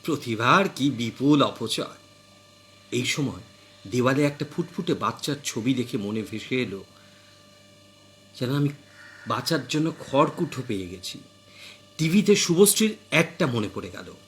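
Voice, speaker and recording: A man tells a comic domestic story with dry, wry asides. His voice is bright and lively. He drops low and quiet for the punchlines. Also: unhurried, pauses often, slight background noise. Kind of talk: comic short story narration.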